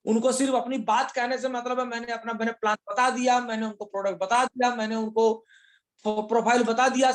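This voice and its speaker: Male trainer, high voice, lecture delivery that asks and answers its own questions. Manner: explains step by step, repeats phrases, mixes Hindi with English words. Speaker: leadership trainer. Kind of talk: motivational class lecture.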